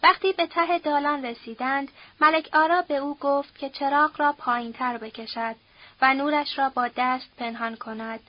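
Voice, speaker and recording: Woman reading a novel out loud, steady and measured, dull muffled sound. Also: sits high, no room sound. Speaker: audiobook narrator. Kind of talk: scripted narration.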